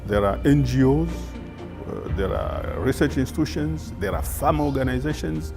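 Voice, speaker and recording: A man's voice: medium pitch, expressive, unhurried, gravelly, music in the background. A man listing points animatedly in an interview answer.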